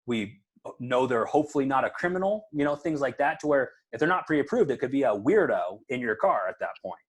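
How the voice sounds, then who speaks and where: Husky-voiced man coaching casually. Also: mid-range voice, lively intonation, fairly quick. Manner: conversational, coaching, acts out client dialogue, many fillers. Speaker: real estate trainer. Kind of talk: casual training talk.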